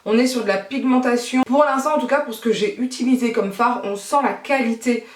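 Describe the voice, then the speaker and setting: A young French woman chats casually through a makeup tutorial as a beauty vlogger, thinking aloud with lots of fillers. Her fairly high voice runs a little fast, and she sits far from the mic in an echoey room.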